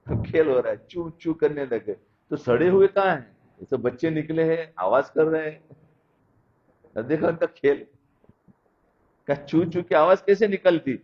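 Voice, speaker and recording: Guy preaching and telling stories, kinda high voice, dull muffled audio. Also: animated, long pauses. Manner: storytelling, asks listeners "understood?". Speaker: Islamic preacher. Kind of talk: sermon with storytelling. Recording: dull lo-fi recording.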